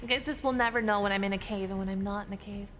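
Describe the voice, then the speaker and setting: A woman's voice: mid-range voice, steady tone, rapid-fire, fairly bright tone, a little hiss or hum. A woman announcing a dice battle in chatty, playful commentary, with a cave-like reverb effect on her voice. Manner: chatty and self-mocking, laughs at her own jokes. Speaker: arena announcer and game master.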